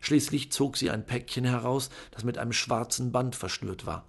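A man narrating a children's novel in a measured storytelling manner, with a gravelly, husky voice. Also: medium pitch. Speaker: audiobook narrator. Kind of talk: scripted narration.

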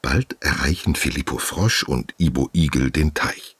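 A man narrating a children's audiobook with expressive storytelling. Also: very deep voice, a little slow, husky, no room sound.

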